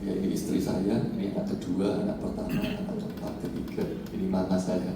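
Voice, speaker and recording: A middle-aged man preaching a sermon as pastor, with passionate, drawn-out emphasis and sudden swings from soft to loud. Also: low-pitched, very animated, background noise. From Indonesia. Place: large church hall. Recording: echoey church hall, mic at a distance.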